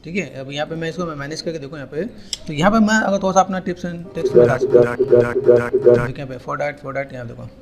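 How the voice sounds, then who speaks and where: Gravelly, higher-voiced man teaching software. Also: fast talker. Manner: repetitive, keeps saying "here" and "okay". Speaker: software tutorial instructor. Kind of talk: casual screen-recorded tutorial.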